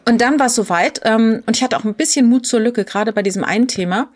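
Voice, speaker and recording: Eine Frau mittleren Alters erzählt lebhaft und mit vielen Füllwörtern eine persönliche Geschichte im lockeren Gespräch. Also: female voice, fairly high pitch, fast talker, no room sound, clean studio sound. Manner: animated storytelling with many fillers and quoted voices. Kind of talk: casual conversation, personal anecdote.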